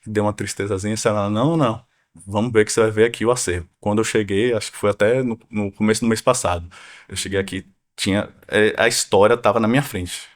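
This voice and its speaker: A man with a fairly low voice talks in a relaxed podcast chat. He tells his story with energy and acts out what he thought at the time. He is a guest researcher from Salvador, Brazil. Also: quick pace. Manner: animated storytelling with acted-out quotes. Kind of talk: casual podcast conversation.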